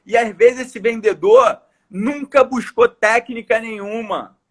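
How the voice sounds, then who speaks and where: Brazilian male coach, high husky voice, earnest emphatic podcast chat. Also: slow pace, fairly bright tone. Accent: Brazilian Portuguese. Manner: earnest, emphatic, repeats phrases for stress. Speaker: coach and course speaker. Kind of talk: casual podcast conversation.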